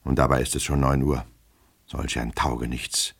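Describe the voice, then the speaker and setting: A man voicing a fretful, fussy middle-aged male clerk who turns shrill and anxious when scolding. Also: animated, moderate pace, a little mellow, breathy edge, heavily acted.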